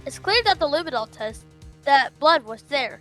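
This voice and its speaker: A woman's voice: high-pitched, lively intonation, moderate pace, fairly bright tone, soft background music. A woman giving an assertive amateur dramatic reading of video game dialogue.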